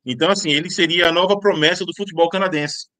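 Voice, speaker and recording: A man from Brazil, a native Portuguese speaker, hosting an interview and translating questions, halting and full of fillers. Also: on the high side, steady tone, bright, forceful tone, no echo. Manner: halting, many fillers and restarts.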